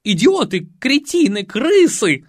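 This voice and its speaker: A man voicing a shrill, bossy middle-aged society lady in an audiobook, scolding and yelling orders. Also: big pitch swings, slow pace, no room sound, clean studio sound, heavily acted. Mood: frantic. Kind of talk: audiobook character voice.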